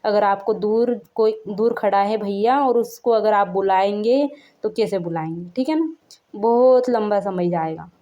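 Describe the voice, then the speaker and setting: Chatty woman teaching with a mellow voice. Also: mid-range voice, measured pace, dull audio. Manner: repeats "theek hai na" after each point, asks the viewer questions; stretches out sounds to show how long they are. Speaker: Hindi grammar teacher. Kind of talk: casual classroom-style lesson.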